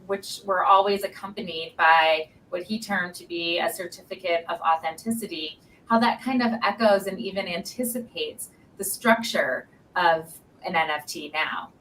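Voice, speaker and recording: A woman's voice: lowish voice, normal speed, fairly bright tone. A woman speaking thoughtfully on an online panel, with light jokes and occasional ums. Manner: thoughtful, joking lightly, with fillers. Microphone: video call. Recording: distant video-call mic with faint background noise.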